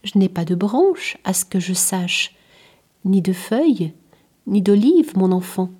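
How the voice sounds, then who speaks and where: A woman doing a calm devout old man. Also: medium pitch, measured pace, breathy edge. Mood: tender. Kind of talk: storybook reading.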